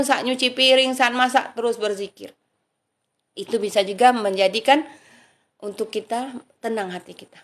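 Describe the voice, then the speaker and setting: A woman giving an earnest, informal religious talk, softly reciting prayer phrases along the way. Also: high voice. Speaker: religious speaker.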